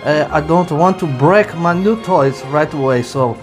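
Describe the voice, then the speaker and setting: A man vlogging about flying a toy helicopter indoors at home, talking casually in deliberately broken, halting English. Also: a little high, expressive, music in the background. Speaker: RC hobby vlogger. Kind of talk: casual vlog commentary.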